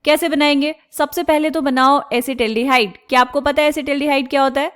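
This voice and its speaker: A woman teaching chemistry step by step, asking questions and answering them herself, and drawing out technical terms slowly. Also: high-pitched, steady tone, a bit bright. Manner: asks the class questions and answers them herself, calls students "beta"; slows down and stretches out technical terms. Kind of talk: explaining step by step on a board.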